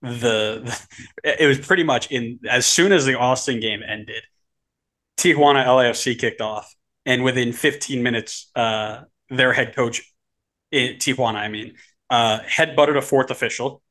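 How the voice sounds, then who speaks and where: A man co-hosting a casual soccer podcast, with a mid-range voice. He tells stories with animated energy, and his voice climbs as the excitement builds. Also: measured pace. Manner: animated storytelling, climbing pitch when excited. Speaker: podcast co-host.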